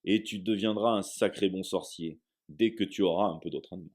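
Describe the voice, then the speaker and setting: A man reading aloud, voicing a huge, hot-tempered male half-giant groundskeeper with booming outbursts. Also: brisk, a little mellow, breathy edge.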